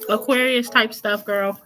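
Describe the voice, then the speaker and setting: A woman does live tarot readings in a casual, chatty manner, often checking in with "okay?" and laughing. Her fairly high, fairly bright voice is scratchy from allergies.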